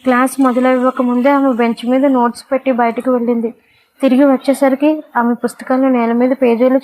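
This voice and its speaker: Fairly high-voiced woman storyteller. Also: darkish tone, rough recording. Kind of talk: dramatic story narration.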